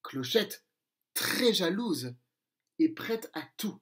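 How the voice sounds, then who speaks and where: A man reading a storybook aloud to children, slow and expressive. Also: high voice.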